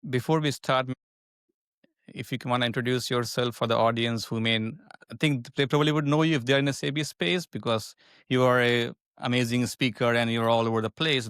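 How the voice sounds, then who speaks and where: A man's voice: mid-range voice, steady tone, a little fast, fairly bright tone, smooth, no room sound, studio quality. A man hosting a podcast, effusive and repetitive, with frequent tag questions. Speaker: podcast host. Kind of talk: casual interview hosting.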